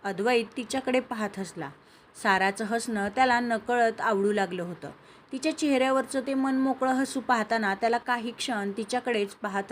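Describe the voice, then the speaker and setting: Woman narrator, scripted romance storytelling, steady even reading, higher voice, faint hiss.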